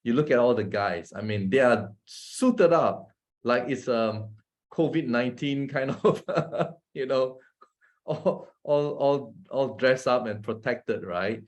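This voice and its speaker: A Malaysian doctor gives an informal health talk in a mid-range voice at a slow pace. He's chatty, chuckling between points and often asking listeners "right?" and "guess what?"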